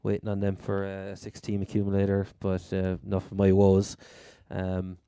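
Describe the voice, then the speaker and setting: A man's voice: sits low, monotone, normal speed, warm tone, smooth, no echo, clean studio sound. A man with a Cork Irish accent co-hosting a casual sports chat in a blunt way. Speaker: sports podcast co-host. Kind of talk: casual American football chat.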